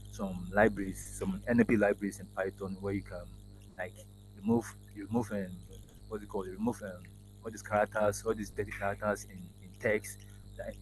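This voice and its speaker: Noisy audio from a laptop mic captures an AI engineer, a Yoruba speaker, as a guest in a casual video-call interview from his office. His voice runs low, and he speaks haltingly with frequent restarts and fillers.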